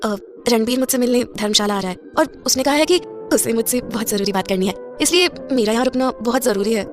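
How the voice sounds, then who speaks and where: A woman's voice: sits high, very animated, fast, faint music behind, voice pushed up. A woman voicing a bubbly, shy young woman best friend in a spoken audio story, in a somewhat raised voice.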